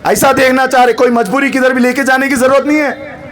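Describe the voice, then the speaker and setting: A man with a Hyderabadi accent giving a fervent, repetitive campaign rally speech, often shouting. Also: very high voice, level tone, fairly quick. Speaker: political campaign speaker.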